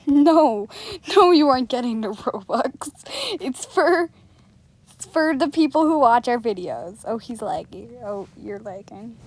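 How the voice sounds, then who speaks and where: High-voiced, giggly woman gaming. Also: expressive, unhurried, a little mellow. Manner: giggly, self-mocking, chatty to viewers. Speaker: gaming channel host. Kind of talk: casual gameplay commentary.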